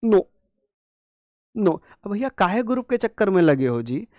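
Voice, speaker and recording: A man's voice: high-pitched, big pitch swings, a little fast, a little mellow, dry recording. A man teaching an exam-prep class, who asks questions and answers them himself in a repetitive call-and-response way, with playful mnemonics and scolding asides. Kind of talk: online coaching class lesson.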